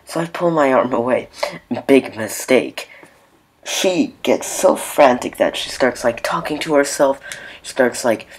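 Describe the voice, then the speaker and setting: A man's voice: medium pitch, expressive, unhurried. A young man telling a story in casual vlog style, irritated, swearing often, and filling his sentences with "like". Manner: irritated, swears a lot, many "like" fillers. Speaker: vlogger.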